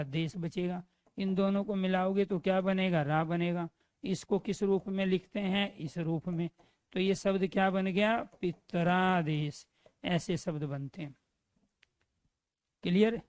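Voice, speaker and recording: Female teacher, unhurried classroom drill style, dry close recording. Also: mid-range voice, fairly even intonation, a little mellow, no room sound. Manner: slow, drilling questions and answering them herself. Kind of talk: classroom grammar lesson.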